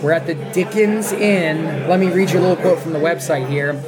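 A man hosting a casual podcast conversation in a pub, informal and animated, with a hoarse, worn-out voice. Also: on the high side, a little fast, a loud crowd. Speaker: podcast host.

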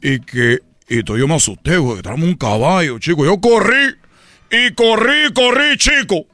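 A man's voice: a little high, lively intonation, moderate pace, sharp tone, dry recording. A man hosting a comedy radio skit, telling a rambling, playful story. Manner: rambling and playful, slipping into voices.

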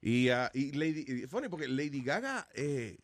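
A man hosting a casual chat, animated and laughing, mixing in English phrases. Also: mid-range voice, moderate pace.

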